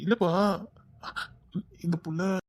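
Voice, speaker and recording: A man's voice: high-pitched, fairly even intonation, a little mellow, highs cut off. A young man playing a village son who stammers out excuses to his father and reassures his girlfriend. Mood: sheepish. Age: young adult. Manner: stammering excuses, fast and husky.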